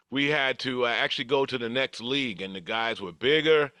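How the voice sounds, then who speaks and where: An older man speaks at a mid-range pitch and moderate pace, his tone sharp but smooth, with no echo. He's a podcast guest casually reminiscing, telling life anecdotes with chuckles and acted-out dialogue.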